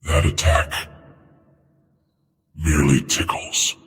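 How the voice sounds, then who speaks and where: A man voicing a menacing armored dark knight in a tabletop game, speaking slowly with cold contempt. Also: level tone, slightly rough, heavily acted. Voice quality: deep booming villain voice. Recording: long hall reverb.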